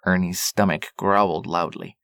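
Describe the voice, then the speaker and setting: A man narrating a story in a steady, calm reading voice. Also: deep voice, moderate pace, gravelly, no room sound, studio quality.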